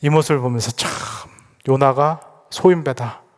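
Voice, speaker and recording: A man's voice: medium pitch, moderate pace. A male pastor preaching a sermon, asking rhetorical questions and repeating phrases for emphasis. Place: church sanctuary. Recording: echoey church hall.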